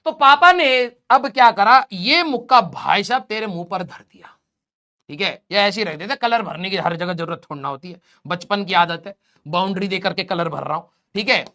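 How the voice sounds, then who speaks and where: A man's voice: high voice, moderate pace, sharp tone. A male physics teacher giving a joking classroom lecture, roasting his students as he draws. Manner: teasing, roasting students while drawing.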